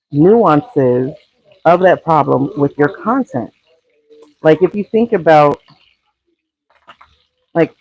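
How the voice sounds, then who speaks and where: A woman with a husky morning voice chats casually to her viewers while cooking, giving business coaching and calling them y'all. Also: sits low, dry recording, highs cut off. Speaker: brand coach. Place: home kitchen, cooking.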